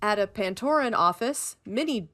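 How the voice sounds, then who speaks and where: A woman co-hosting a podcast, recapping an episode in casual chat, animated and giggly with sarcastic asides. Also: mid-range voice, moderate pace, a crowd in the background. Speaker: podcast co-host.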